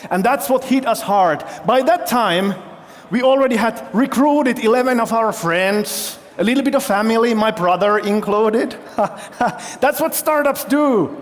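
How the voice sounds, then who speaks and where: A man's voice: extremely high pitch, a little slow. A man from Finland, a CEO giving a keynote talk on a festival stage and telling his story while quizzing the audience with show-of-hands questions. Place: large festival hall stage. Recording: long hall reverb.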